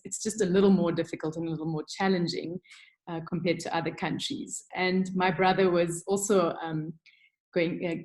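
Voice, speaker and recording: Her fairly low voice has a darkish tone as this middle-aged Durban creative director chats candidly in a casual webinar. The audio comes over a video call, and her speech is peppered with ums and restarts.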